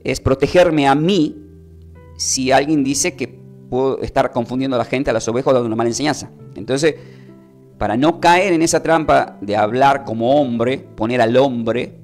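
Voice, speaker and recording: Argentine guy preaching a bible class, spells stuff out slow, soft music behind. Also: mid-range voice. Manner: teaching, spelling words out and repeating them slowly. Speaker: Bible teacher. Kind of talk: sermon.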